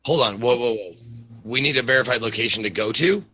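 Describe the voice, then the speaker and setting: A man playing a tabletop game, reacting with quick, casual remarks. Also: mid-range voice, sharp tone, slightly rough. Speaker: player.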